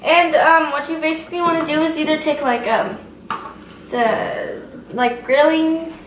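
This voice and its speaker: A teenage girl chats loosely through a recipe in her roomy home kitchen, dishes clattering as a nearby camera records her. Her high voice is fairly even and unhurried, her steps peppered with "like" and "um," and there's a little hiss or hum.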